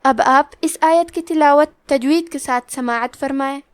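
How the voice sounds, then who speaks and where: Female recitation teacher, high voice, dry close sound, patient and methodical, walking through rules word by word. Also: dry recording. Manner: methodical, patient step-by-step instruction. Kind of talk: tajweed lesson, explaining rules word by word.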